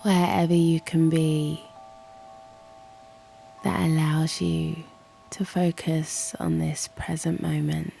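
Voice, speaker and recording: Speaking extremely slowly and with flat delivery, a woman who hosts a channel guides a yoga nidra meditation against soft background music. Her voice is low, breathy and soft, frequently close to a whisper, with a noticeable creak, and her manner soothes and gently encourages.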